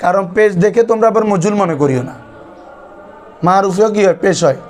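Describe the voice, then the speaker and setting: A man's voice: high voice, animated, fairly quick, a little mellow, faint music behind. A man teaches a grammar class. He drills his students, repeating key terms and asking them back for answers. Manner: quizzes students with repeated questions. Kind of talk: classroom lesson.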